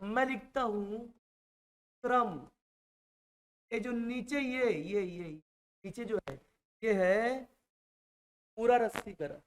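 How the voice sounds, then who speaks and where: A male teacher lectures slowly in a classroom, drawing out each word. He goes over every point more than once and keeps stopping to ask whether the class understands. His delivery is patient and drilling. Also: sits high. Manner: repeats each point and keeps checking that students follow. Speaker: Hindi exam-prep teacher.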